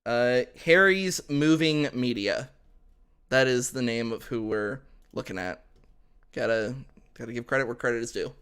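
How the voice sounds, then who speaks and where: Bright, crisp-voiced man teasing friends. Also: mid-range voice, moderate pace. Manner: animated, teasing, profane. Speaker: podcast host. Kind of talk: casual chat.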